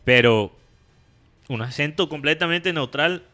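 Man, bright tone, casual podcast chat, animated. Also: a little high, measured pace. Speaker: podcast co-host.

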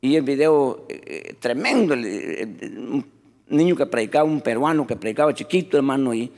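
A man preaching a sermon as pastor, animated and often addressing the congregation as brothers. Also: mid-range voice, normal speed, big-room sound.

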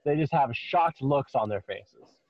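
A man improvising narration as a tabletop game master, haltingly, often repeating phrases. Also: mid-range voice, lively intonation, no echo, muffled recording.

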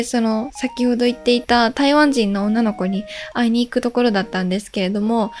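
A woman hosting a podcast, telling a travel story in a lively, chatty way and acting out the people she quotes. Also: a little high. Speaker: podcast host. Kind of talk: casual radio talk, travel story.

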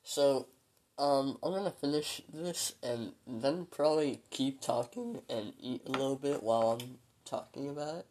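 A young man in his late teens rambling through a solo podcast, hesitant and full of ums, sounding weary and low, recorded on a phone. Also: unhurried, darkish tone. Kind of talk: rambling casual monologue.

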